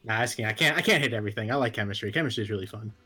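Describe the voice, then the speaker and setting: A man's voice: fairly low pitch, expressive, racing, bright, forceful tone, husky, soft background music. A man co-hosting a casual chat who swears freely and makes fun of himself. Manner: swears freely, self-mocking. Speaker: podcast co-host.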